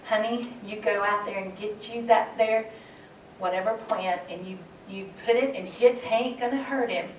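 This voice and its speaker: A woman's voice: medium pitch, normal speed, a little hiss or hum, close to an everyday voice. A woman voicing her plainspoken old grandmother, in folksy dialect. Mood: reassuring. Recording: roomy hall, distant mic, faint ambience.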